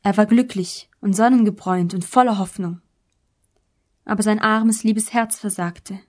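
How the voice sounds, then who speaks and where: A woman reads the part of a gentle grieving woman whose words come soft and plain. The pitch stays mid-range, the audiobook reading kept quiet and calm. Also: normal speed, lightly acted. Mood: sad.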